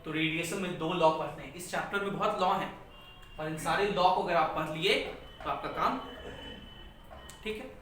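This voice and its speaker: A man's voice: a little high, normal speed, pauses often, a bit bright. A male physics teacher lecturing a class, asking questions and repeating key terms. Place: large echoey classroom. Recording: echoey classroom from far off, faint noise.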